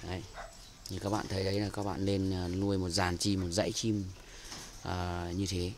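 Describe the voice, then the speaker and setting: Here the man's voice is deep and darkish, moving little in pitch at a normal speed, with a slight hiss or hum on the handheld camera recording. He has a Northern Vietnamese accent and chats through his outdoor bird aviary, repeating words and leaning on fillers.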